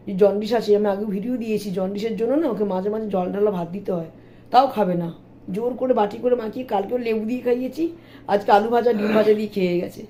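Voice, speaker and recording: A middle-aged woman with a hoarse, sore voice, chatting and complaining to viewers in a casual home vlog. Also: medium pitch, warm tone, slight background noise. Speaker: vlogger. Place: home, indoors.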